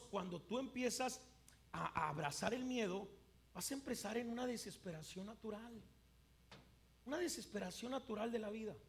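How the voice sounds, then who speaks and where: A male pastor preaching a sermon emphatically, swinging between loud and hushed, with occasional stumbles and repeated words. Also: high voice, creaky.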